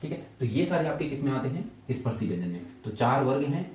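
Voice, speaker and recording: This male teacher walks through grammar step by step for exam prep, repeatedly saying "ठीक है" and throwing questions back at his students. His mid-range voice is very animated, quick and a little mellow, picked up by a distant mic in an echoey room.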